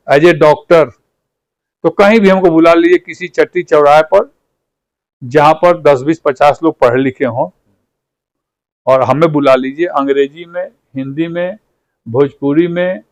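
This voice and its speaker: A man's voice: on the high side, no echo, rough recording. A man with a Bhojpuri accent, a party leader speaking in a political interview, fiery and rhetorical, repeating phrases for emphasis.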